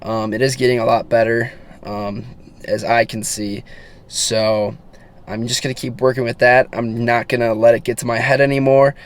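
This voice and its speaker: A man's voice: mid-range voice, little pitch movement, moderate pace. A teenage boy turning eighteen, talking casually and earnestly to his viewers, rambling with many fillers and restarts. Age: teens. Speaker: fitness vlogger. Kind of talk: casual talk to camera.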